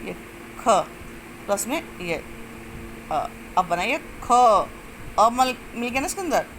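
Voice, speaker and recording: Woman teaching grammar, kinda high voice, stretches sounds out slow to show them, a bit of hiss behind. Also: sing-song, a bit bright, poor audio. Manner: explains step by step, asks and answers own questions; drawls sounds out slowly to demonstrate them. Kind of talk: classroom-style lesson.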